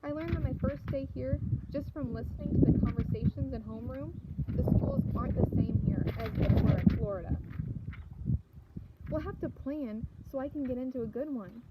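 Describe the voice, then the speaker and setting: A woman's voice: high-pitched, very animated, a little fast, pitched above the performer's own voice. Anxious seventh grade girl, earnest and pleading, storybook reading by a woman, muffled noisy audio. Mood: insistent.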